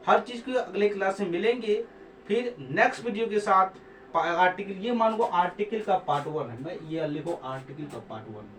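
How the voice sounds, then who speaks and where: A man's voice: high voice, a bit bright, reverberant, recorded from a distance, slight background noise. A man teaching English grammar in a classroom-style lecture. He spells words out letter by letter, repeats them, and keeps asking the class to answer. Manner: asks the class questions and urges them to answer.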